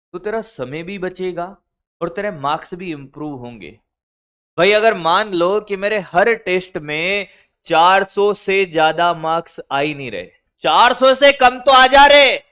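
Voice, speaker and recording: A man's voice: high-pitched, bright, forceful tone, clean tone. A man teaching physics exam strategy in a lecture, with a Hindi accent, scolding students in a colloquial, brotherly way.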